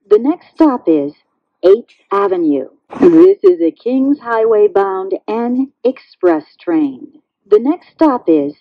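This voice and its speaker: A woman giving recorded transit announcements, played over a train intercom speaker in a slow, measured way. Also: medium pitch, no room sound. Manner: slow, measured, evenly spaced phrasing. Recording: dull lo-fi loudspeaker sound.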